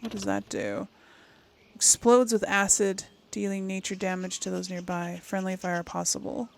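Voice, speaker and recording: A gaming video host gives casual gameplay commentary, thinking aloud, murmuring to herself and reading item text aloud. Her voice is gravelly and mid-range, at a moderate pace.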